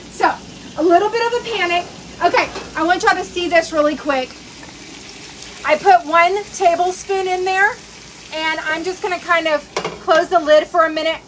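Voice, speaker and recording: A middle-aged woman with a high voice chats through a long, rambling story. She fills it with ums, restarts and asides to her viewers, in the easy way of a home cooking vlog. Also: noisy background. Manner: chatty, rambling, many fillers and restarts. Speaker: cooking vlogger. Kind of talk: casual storytelling chat.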